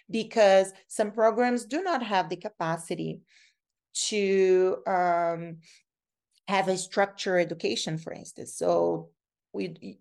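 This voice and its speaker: A Brazilian woman, a native Portuguese speaker with a Brazilian Portuguese accent, has a lowish, darkish voice. As a guest researcher answering interview questions, she is earnest and explanatory, repeating and restarting words.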